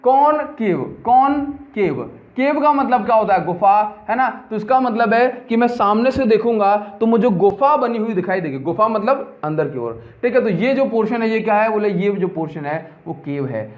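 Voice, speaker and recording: A man's voice: high-pitched, lively intonation, normal speed, hardly any pauses. A man teaching a physics lesson, who keeps repeating key terms and asking his students whether they have understood. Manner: mixes in English terms, asks and answers his own questions. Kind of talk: classroom lecture. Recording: dull lo-fi audio.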